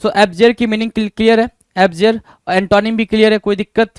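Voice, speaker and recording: Guy teaching vocab, keeps asking "what does it mean?", high clear voice. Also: little pitch movement, fairly quick, no echo. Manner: rhetorical questions to students, repeats words. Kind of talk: exam-prep vocabulary lesson.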